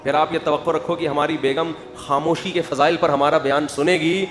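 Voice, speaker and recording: A man giving a humorous religious talk, acting out quoted voices and building to loud emphasis. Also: a little high, steady tone. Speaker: Islamic preacher. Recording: echoey hall with faint music.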